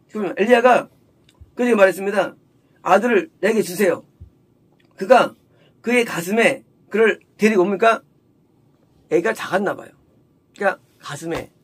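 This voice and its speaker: This is a male preacher expounding scripture in sermon style. His voice sits high and has a breathy, husky grain. He poses rhetorical questions and answers them himself, and he voices quoted characters with a lifted, sharper tone. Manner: acts out the quoted woman in a raised, sharp voice. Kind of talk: sermon, Bible exposition.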